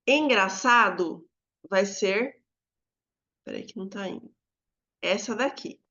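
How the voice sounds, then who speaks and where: In a recorded video lesson, a woman with a Brazilian Portuguese accent teaches calmly, stretching words out in a sing-song to show where the stress falls. Her voice sits in the mid range, and the high frequencies are cut off.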